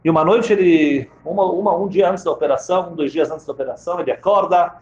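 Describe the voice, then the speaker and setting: A man's voice: fairly high pitch, fast, darkish tone, slight background noise. A man telling a story in a dramatic sermon, emphatic and repeating key phrases for weight. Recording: roomy, slightly dull sound.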